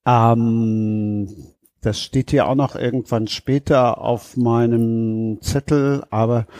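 A man hosts a relaxed interview in a mellow, medium-pitched voice. The sound is dry and close, and his delivery is conversational. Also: no echo. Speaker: podcast host. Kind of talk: casual interview.

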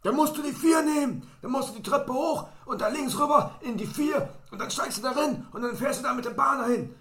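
A man voicing a loud, slightly drunk woman who rambles on and keeps adding "ne?" at the end of her sentences. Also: sits high, a little fast, pitched above the performer's own voice. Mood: insistent chatty. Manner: rambling, repeats herself, tags "ne?". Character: loud tipsy local woman, chatty, insistent. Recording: roomy echo.

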